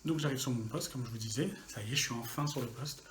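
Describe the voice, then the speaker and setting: A man casually telling a personal story for his channel, lively and full of slang and fillers. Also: mid-range voice, fast, slight background noise. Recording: echoey room with faint ambience.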